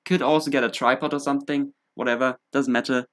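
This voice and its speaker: A German man in his twenties chats casually on a live stream from a home room in England, rambling, thinking aloud as he sets up, and tossing in self-mocking asides. His mid-range voice is fairly bright, with fairly even intonation and a fast pace.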